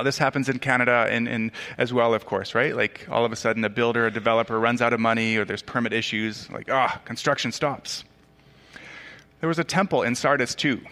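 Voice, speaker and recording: A man who grew up in Tanzania preaches to his church, his tone bright and forceful. He keeps it conversational, slipping in asides and correcting himself as he goes. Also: mid-range voice. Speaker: pastor. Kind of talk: sermon.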